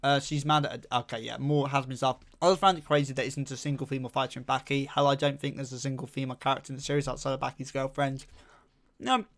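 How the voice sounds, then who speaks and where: A man's voice: medium pitch, little pitch movement, quick pace. A young man chatting casually on a live stream, reading chat and rambling with lots of fillers while humming to himself.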